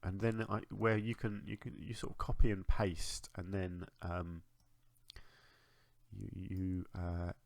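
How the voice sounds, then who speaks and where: A man's voice: deep voice, flat delivery, slow pace, gravelly, no room sound. Stuffy-nosed man chatting over gameplay. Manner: chatty, muttering to himself while building. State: congested, blocked nose. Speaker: gaming video host. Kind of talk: casual gameplay commentary.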